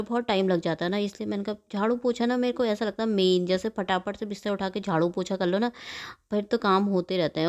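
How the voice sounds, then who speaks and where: A middle-aged woman vlogger who talks quickly and rambles while narrating her morning cooking and chores. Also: medium pitch, a little mellow. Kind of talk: chatty voice-over about her morning cooking.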